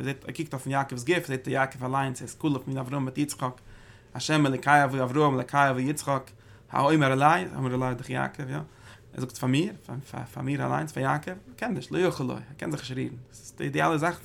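A man teaching a religious text in a gravelly voice at an ordinary pitch. He talks in emphatic bursts, circling back to repeat and restart phrases as he explains. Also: fairly bright tone. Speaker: Torah teacher. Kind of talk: religious study lecture.

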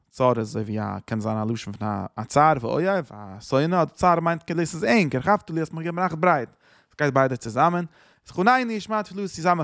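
Guy explaining psalms, mixing in hebrew and english words, dead dry sound, ordinary pitch. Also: no echo. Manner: mixes Hebrew, Yiddish and English terms into loose, searching speech. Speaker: Torah teacher.

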